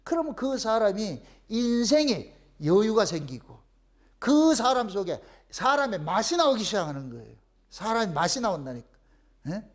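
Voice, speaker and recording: Animated Korean pastor with Gyeongsang accent. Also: male voice, high-pitched, moderate pace. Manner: animated, playful, acts out phone calls in voices. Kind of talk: sermon.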